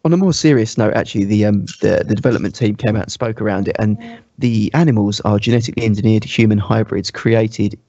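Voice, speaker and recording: A man co-hosting a casual gaming chat show, leading the talk with lively reactions. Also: fairly low pitch, fast talker, few pauses, no room sound. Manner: animated, laughing, leading the discussion. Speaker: podcast co-host. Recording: dull lo-fi stream audio.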